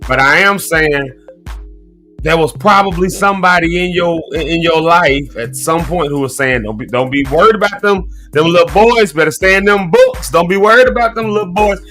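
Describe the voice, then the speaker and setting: A man in his thirties hosts a casual morning livestream, addressing viewers directly in a folksy, preachy way while struggling against a cough. His voice is high, pushed, and bright, at normal speed. Faint music plays behind him.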